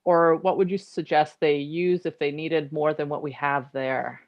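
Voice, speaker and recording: A woman's voice: low voice, steady tone, normal speed, lo-fi sound, slight background noise. A woman hosting an online meetup over a video call, asking questions in an informal, chatty way. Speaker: host.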